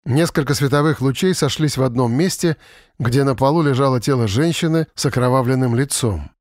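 A man narrating an audiobook in a measured, tense storytelling manner. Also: mid-range voice, a little mellow, no room sound, clean studio sound. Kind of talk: scripted narration.

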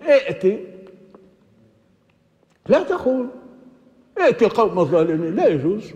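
Older sheikh lecturing in an echoing hall. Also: male voice, sits high, mellow. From Libya. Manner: patient, repeats words while thinking, asks and answers his own questions. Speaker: sheikh teaching Quranic exegesis. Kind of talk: classroom lecture on grammar. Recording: dull lo-fi recording with long hall reverb.

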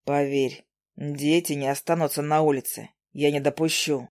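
A woman voicing a low, smug male demon. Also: flat delivery, darkish tone, no echo. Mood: assuring. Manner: mocking, slow, smug.

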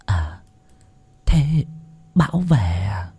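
A man voicing a frail, half-deaf old grandmother who speaks slowly, softly and in confusion. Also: lowish voice, big pitch swings, breathy edge, full character voice. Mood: bewildered. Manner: slow, soft, bewildered and quavering.

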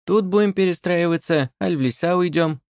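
Man playing a small fussy house spirit, high and perky, storybook voice, dry sound. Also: brisk, a little mellow, dry recording.

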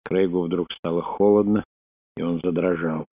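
A man narrating a thriller audiobook in a steady, even reading voice. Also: deep voice, moderate pace, breathy edge, no room sound. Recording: dry, phone-like narrow sound.

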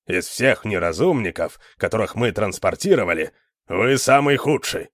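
A stern older guard scolds with indignant scorn, his low voice rising and falling widely. A man acts him out in a storybook reading. The recording is dry and close. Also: lively intonation, moderate pace, fairly bright tone, no room sound. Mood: scornful.

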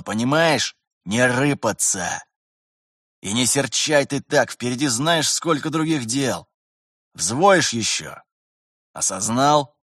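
A man voicing a gruff, weary middle-aged officer who grumbles and lectures in curt phrases. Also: medium pitch, a bit bright, no echo, clean studio sound, voice pushed up.

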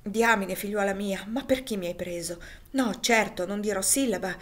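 A woman reading a gruff kindly old farmer. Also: mid-range voice, moderate pace, natural voice. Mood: kind reassuring. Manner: rough but kind, reassuring. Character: gruff kindly farmer, middle-aged man.

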